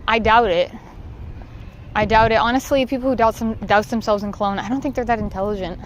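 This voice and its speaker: Out walking, a woman with a Southern California accent talks unscripted to her livestream audience, candid and casual with occasional swearing. Her voice is a little high and steady in tone, she talks a little fast, and there's slight background noise.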